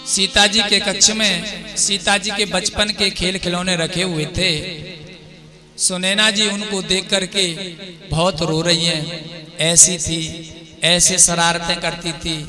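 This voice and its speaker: A man's voice: high-pitched, fairly even intonation, takes it slowly. A male preacher telling a devotional story with sung verses, emotional and addressing listeners as brother. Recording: devotional music behind voice.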